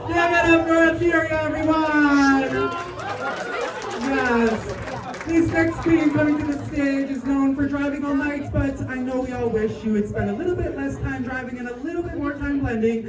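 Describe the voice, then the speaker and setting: A man with a high, sassy voice emcees a drag pageant, hyping each queen to the stage. He is heard from a distance in a reverberant club. Loud music and a roaring crowd fill the background. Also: normal speed, very noisy. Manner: sassy, campy hype. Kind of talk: live stage announcing. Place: nightclub stage.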